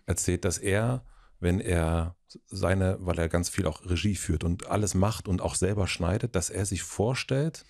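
A man's voice: low voice, unhurried, darkish tone. A man hosting an interview, asking probing follow-up questions and giving short affirmations. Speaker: podcast host.

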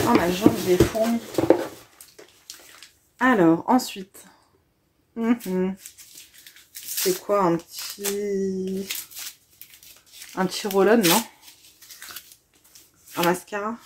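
A woman's voice: medium pitch, a little mellow, a little hiss or hum. Chatty young woman unboxing. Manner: chatty, gushing, says she is tired. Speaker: vlogger unboxing a gift box. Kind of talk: casual unboxing chat.

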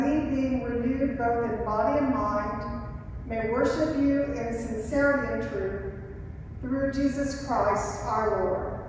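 Woman, minister leading prayers, solemn and measured, very slow, cathedral echo, long hall reverb. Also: fairly high pitch, darkish tone, slight background noise. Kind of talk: liturgical prayer. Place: large church.

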